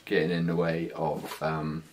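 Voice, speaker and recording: Low-voiced British man, casual vlogger. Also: monotone, a little slow, a little hiss or hum. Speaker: motovlogger. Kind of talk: casual hands-on product walkthrough. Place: small living room, indoors.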